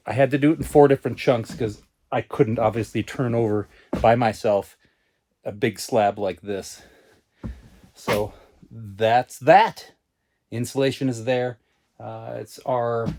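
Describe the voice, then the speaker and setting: Slow-talking man vlogging a cabin build. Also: lowish voice. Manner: relaxed, chatty, explaining as he goes. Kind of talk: casual vlog talk to camera.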